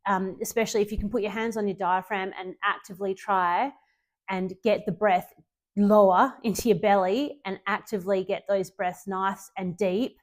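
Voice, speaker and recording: Speaking in a mid-range voice, this woman is a fitness coach walking her clients through a casual spoken tutorial. Her delivery stays loose and conversational, full of ums and frequent self-corrections.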